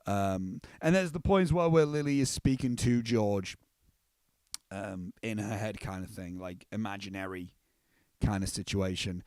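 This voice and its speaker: A man's voice: fairly low pitch, measured pace, a little mellow, smooth, no echo. A young man giving a casual, earnest film review, rambling with many restarts. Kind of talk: casual spoken movie review.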